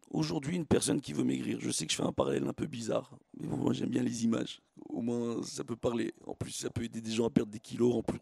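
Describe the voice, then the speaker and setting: A man's voice: medium pitch, gravelly, warm tone, slightly rough, dry recording. A man giving a religious lecture as a rabbi, teaching emphatically with repetition and rhetorical questions. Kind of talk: religious sermon with everyday analogies.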